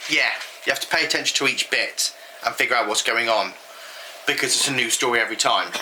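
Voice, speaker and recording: A man's voice: medium pitch, fast talker, pushed and bright, slight background noise, low-quality recording. A British man co-hosting a vlog, chatting casually with frequent ums. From United Kingdom. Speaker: vlog co-host. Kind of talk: casual chat.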